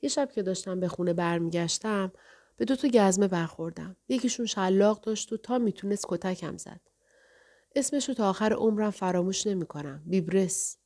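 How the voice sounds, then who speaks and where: A woman voicing a brash, cheeky male tavern regular who talks in a raised, pushy, animated way. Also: medium pitch, close to an everyday voice. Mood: matter-of-fact.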